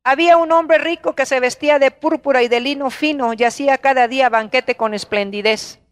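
A woman with a Mexican Spanish accent preaches to her Bible class with fervor, scolding and firing rhetorical questions at the young. Her voice sits high, and the recording is dry and close with little room sound. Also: a little fast, dry recording.

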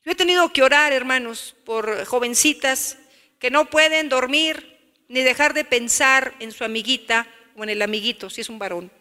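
A Mexican woman preaches in a high, bright voice, asking her congregation rhetorical questions and acting out family scenes. Her voice carries a long, echoing reverb from a church hall. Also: moderate pace. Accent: Mexican Spanish. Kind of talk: sermon.

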